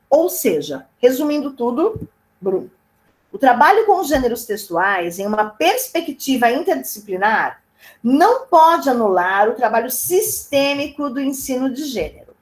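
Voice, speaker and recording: A woman's voice: fairly high pitch, low-quality recording. A woman teacher, giving a chatty, playful online lecture and often checking in with her students. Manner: chatty, playful, frequent "né?" and "tá bom?" check-ins.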